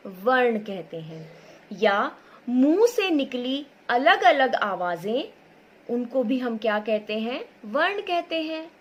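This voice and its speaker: A woman's voice: a little high, a little hiss or hum. A woman teacher giving a patient online lesson to young children, asking questions and answering them herself, and drawing out sounds so they can be copied. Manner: stretches sounds out to model pronunciation.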